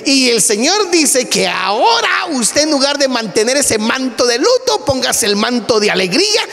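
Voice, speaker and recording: High, lively, gravelly man preaching. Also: moderate pace. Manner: animated storytelling preacher; addresses listeners as brother. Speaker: pastor. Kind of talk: sermon. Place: church hall. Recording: long hall reverb.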